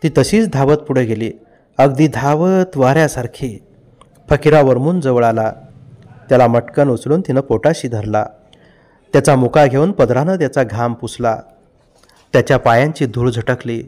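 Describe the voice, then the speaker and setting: A man's voice: mid-range voice, moderate pace, darkish tone. A man reading a novel aloud as narrator, telling the story expressively.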